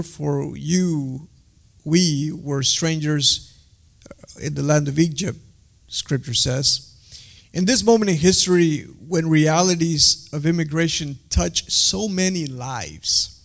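Gravelly higher-voiced male host. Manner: reads introductions with frequent uh fillers. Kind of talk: panel interview introduction.

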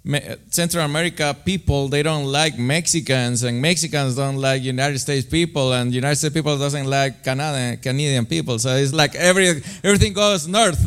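Smooth-voiced man. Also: fairly high pitch, normal speed, fairly bright tone. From Guatemala. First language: Spanish. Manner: friendly, tells his story with light humor. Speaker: guest. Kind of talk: personal storytelling in interview.

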